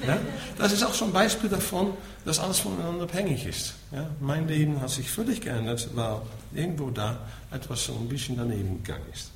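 A middle-aged man from the Netherlands, talking as a Buddhist teacher in a Dutch accent, lectures listeners and often closes points with a short questioning word. His voice is on the high side and expressive, fairly fast with vocal fry and barely any pauses. The recording is echoey with faint background noise.

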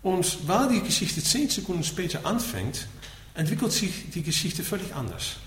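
A middle-aged Dutch man with a Dutch accent lectures listeners as a Buddhist teacher, often ending his points with a short questioning word. His voice is high-pitched, very animated and a bit bright, at a moderate pace. The room is echoey, with faint background noise.

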